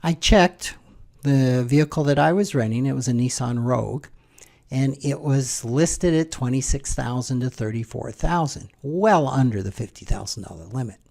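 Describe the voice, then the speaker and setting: A middle-aged American man, a financial planner, telling a personal story in a conversational, wry way and often clearing his throat. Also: mid-range voice, normal speed, a little mellow. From United States. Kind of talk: spoken commentary, personal story.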